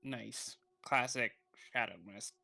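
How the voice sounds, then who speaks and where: A man's voice: mid-range voice, steady tone, slow, gravelly, sharp tone, dry recording. A man playing a tabletop role-playing game, chatting casually in and out of character.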